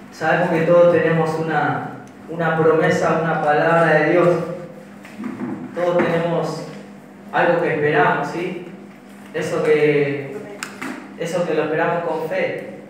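A man's voice: fairly high pitch, fairly even intonation, unhurried, long pauses, background noise. A young man with a Paraguayan Spanish accent preaching a sermon in a small church hall, speaking into a handheld mic at a pulpit and often restarting his phrases as he explains. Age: young adult. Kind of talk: sermon with prayer. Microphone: handheld mic at a pulpit, filmed from far. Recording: very echoey hall from far off.

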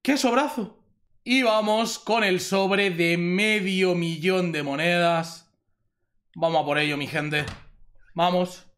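A young gaming YouTuber from Spain, speaking with a Spanish accent in a high voice, takes his time as he excitedly commentates a pack opening. He says things over and over and cries out at the good pulls.

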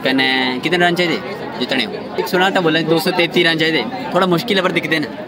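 A man's voice: on the high side, fairly even intonation, fast. A young man vlogging casually, chatting and joking with friends while out on the street and at a stadium. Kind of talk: casual vlog chat. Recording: outdoor crowd and traffic noise.

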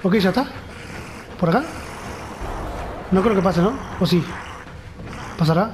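In this horror game let's play, a male gamer with a Rioplatense Spanish accent talks to himself in a frightened, nervous mutter. His voice sits high and moves at a measured pace over a noisy background.

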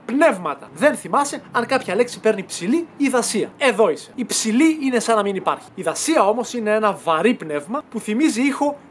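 A woman teaching in a brisk scripted lesson, talking straight to the listener. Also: on the high side, sing-song, a little hiss or hum. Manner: brisk, direct, addresses the listener.

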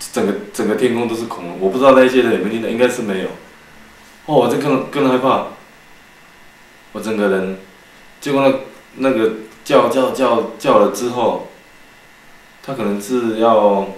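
A man's voice: fairly low pitch, reverberant, a little hiss or hum, low-quality recording. A man giving a personal faith testimony in church, telling his story earnestly with many restarts and quoted dialogue. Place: church hall.

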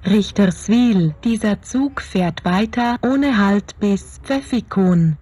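A woman making formal, scripted train announcements over the intercom, setting each station name apart in a measured way. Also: medium pitch, over music.

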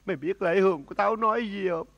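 A man's voice: sits high, quick pace, muffled recording. A man playing out a comedy sketch, wailing and lamenting in an overdone way. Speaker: comic actor. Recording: music playing behind the voice.

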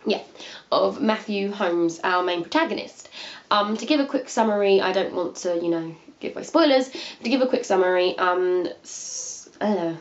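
A young woman in her twenties, sniffly with a cold, rambles casually through a book review beside a window seat in her living room. Her mid-range voice is animated and moves at a moderate pace, full of fillers and restarts in a chatty way. The audio sounds dull.

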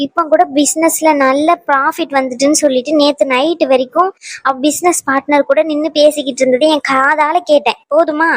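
A woman's voice: high-pitched, fairly even intonation, no room sound, natural voice. Woman voicing a fed-up, strong-willed young wife. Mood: determined. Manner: emphatic, scolding, fast. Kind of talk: cartoon dubbing.

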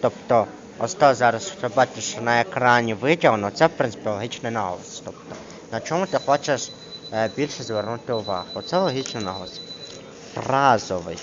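A man tutoring one student through a grammar lesson in a casual, hesitant way, with many fillers, reading example words slowly. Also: medium pitch, crowd noise. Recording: dull lo-fi screen recording with clear background noise.

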